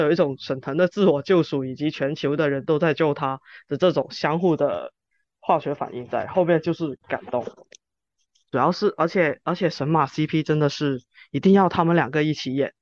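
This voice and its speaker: A man's voice: a little high, no room sound. A man with chatting casually and informally about film as a podcast host. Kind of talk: casual film discussion chat. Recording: dull lo-fi sound, music behind.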